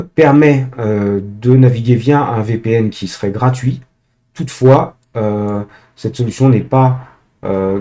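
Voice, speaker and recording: A man with a warm, mid-range voice presents a screen-share tech tutorial, addressing viewers directly. He sounds hesitant, filling his speech with filler sounds and restarts.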